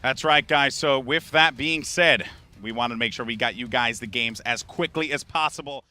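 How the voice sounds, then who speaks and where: A man doing live esports play-by-play, excitable and full of fillers and restarts. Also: mid-range voice, normal speed. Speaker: esports caster. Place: live event venue.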